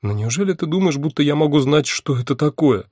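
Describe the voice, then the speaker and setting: A man voicing a capricious young noblewoman armed with a sword, in a raised, lively voice. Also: quick pace, no room sound, clean studio sound. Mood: earnest. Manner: raised pitch, lively, sharp outbursts.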